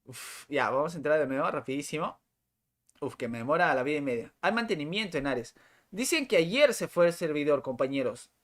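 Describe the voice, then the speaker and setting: A man's voice: a little high, lively intonation, a little fast, a bit bright. A young man, chatting and exclaiming over live game footage, often repeating himself. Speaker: game streamer. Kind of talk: live gameplay commentary.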